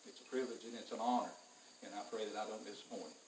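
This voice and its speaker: A man's voice: lowish voice, steady tone, rapid-fire, a little hiss or hum. A man leading worship, talking earnestly between hymns with a cave-like echo effect on his voice. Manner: earnest, rambling, thankful. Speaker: gospel singer leading worship. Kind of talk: casual talk between a cappella hymns. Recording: heavy cave echo, distant from the mic.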